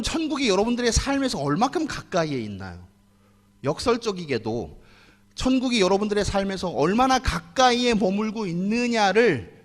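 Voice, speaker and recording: A man, the pastor, preaching a sermon in a church and addressing the congregation directly. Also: sits high. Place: church sanctuary. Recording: long hall reverb.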